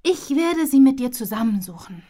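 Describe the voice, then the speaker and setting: A kind and calm male garden friend from a children's storybook, voiced by a woman. He speaks gently and earnestly in a friendly tone. His voice sits only slightly higher than the reader's own. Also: moderate pace.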